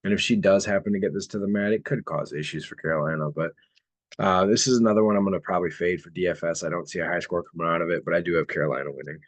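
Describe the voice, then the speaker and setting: A man's voice: sits low, racing, dry recording. A man co-hosting a sports betting podcast, talking casually and steering the conversation from fight to fight. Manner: relaxed, conversational, steers the show. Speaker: podcast co-host.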